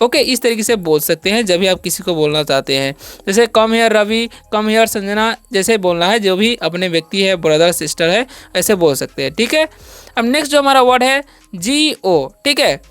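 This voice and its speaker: Smooth-voiced man teaching a slow lesson. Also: high-pitched, fairly bright tone, no echo. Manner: slow, repetitive explaining, checking in with "ठीक है". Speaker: English teacher. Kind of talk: spoken language lesson.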